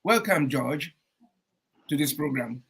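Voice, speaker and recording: A man hosting a radio talk show in a casual, animated way, with frequent fillers. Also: a little high, takes it slowly, gravelly, a little hiss or hum. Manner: animated, warm welcomes, frequent um fillers and laughs. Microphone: streamed studio mic.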